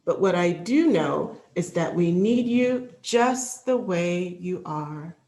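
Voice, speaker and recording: A woman voicing an affectionate, apologetic sister spirit of daytime in a storybook, soft and sincere. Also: fairly low pitch, animated, slow pace. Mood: sincere pleading. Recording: roomy, echoing sound.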